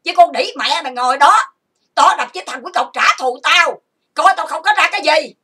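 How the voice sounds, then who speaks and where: A woman's voice: high-pitched, fairly quick, bright, forceful tone, distant mic. A woman streaming an angry rant, cursing and hurling accusations while lying down. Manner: profane, accusing, insulting. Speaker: online streamer. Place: lying down at home.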